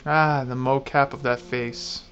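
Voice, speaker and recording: A man's voice: mid-range voice, little pitch movement, unhurried, a bit bright, clear, resonant tone, lo-fi sound, soft background music. A man doing casual, goofy, irreverent commentary on a video game and reading its text aloud dramatically.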